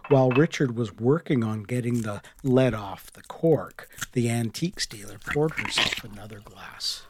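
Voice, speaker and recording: A man narrating a story in a soft, hushed voice that often drops to a whisper, with faint music behind him. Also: medium pitch, background noise. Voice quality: slow, hushed, breathy whisper at times.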